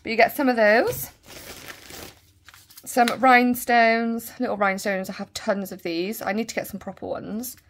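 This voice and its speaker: A woman with a Bristol accent chatting casually as she unboxes a nail kit and thinks out loud. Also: a little high, fairly even intonation, moderate pace, a little hiss or hum. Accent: Bristol English. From Bristol, England. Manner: chatty, thinking aloud, trailing asides. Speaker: nail vlogger.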